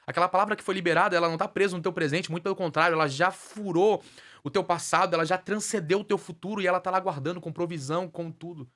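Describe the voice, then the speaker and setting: A man's voice: high-pitched, fairly even intonation, quick pace, a bit bright. A man, a guest minister, tells his life story as a testimony in a fervent preaching cadence and repeats phrases for emphasis.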